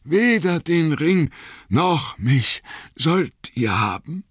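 A man voicing a young male hobbit, thin and shrill as he shouts in desperate defiance, in a storybook reading. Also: monotone, drawn-out words, dry recording, clean studio sound, exaggerated voice.

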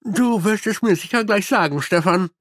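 A deadpan army captain, as a male narrator puts him on in an audiobook, slow and drily ironic, with hesitant fillers. His voice is pitched higher than the reader's own. The sound is close and dry. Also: no room sound.

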